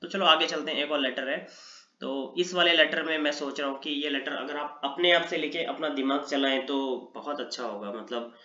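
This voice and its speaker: A man teaches with lively energy and slips English words into his explanations. His voice is bright and forceful and sits a little high. The recording is dull and lo-fi, with an echoey room around him. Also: normal speed. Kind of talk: online Sanskrit lesson in Hindi.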